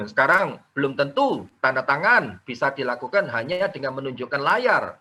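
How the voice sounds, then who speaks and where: A man teaching a live online sales training, energetic and coaxing participants to type answers in the chat. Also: medium pitch. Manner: mixes in English words.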